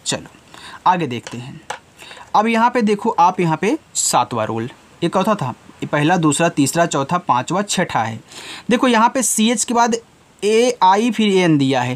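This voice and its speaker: A man teaching children, spelling out words letter by letter and answering his own questions. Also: sits high. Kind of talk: spelling and explaining lesson.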